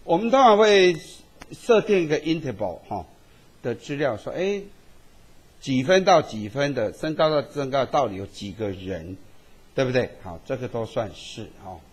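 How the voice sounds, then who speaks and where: A man's voice: medium pitch, animated, normal speed, husky. A man teaching a statistics class, tagging his sentences with little checks to the students. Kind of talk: classroom lecture.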